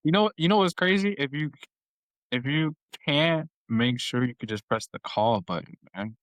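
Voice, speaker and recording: A young man co-hosting a casual podcast, telling animated stories and giving playful shout-outs. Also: fairly high pitch, normal speed, dry recording, rough recording. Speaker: podcast co-host.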